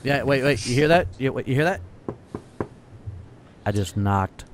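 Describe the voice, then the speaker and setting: A man co-hosting a casual podcast, joking and telling animated stories. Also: mid-range voice, a little slow, background noise. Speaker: podcast co-host. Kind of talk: casual chat.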